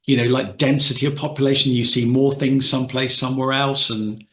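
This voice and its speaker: A man's voice: mid-range voice, fairly even intonation, fairly quick, bright, forceful tone. Male host, hesitant rambling questions, echoey room on a call. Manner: hesitant, rambling, many restarts. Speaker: podcast host. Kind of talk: casual interview questions.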